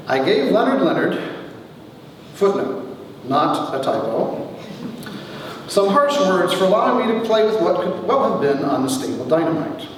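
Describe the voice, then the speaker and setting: Reading from his own comic memoir to a live audience, a middle-aged author delivers it wryly and theatrically, with deliberate pauses, in a voice that sits high. The mic is distant in a large echoey hall, with faint noise.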